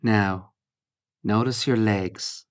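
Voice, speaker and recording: A man with a lowish voice walks the listener through a mindfulness meditation, keeping his phrases short and his instructions calm and measured, with pauses in between.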